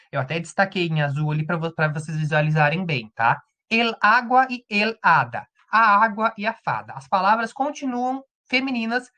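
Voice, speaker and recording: A man's voice: on the high side, a bit bright. A man with a Brazilian Portuguese accent teaching Spanish grammar in an online lesson, explaining step by step and often checking in with the students.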